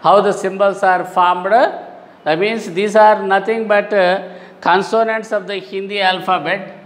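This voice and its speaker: A man teaching a recorded lesson to young children, explaining slowly and repeating sounds aloud. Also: high voice, fairly even intonation, long reverb tail.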